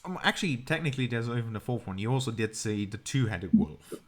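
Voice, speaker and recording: A man's voice: medium pitch, animated, quick pace, crowd noise. A man narrating an improvised tabletop game as game master, hesitant and often correcting himself.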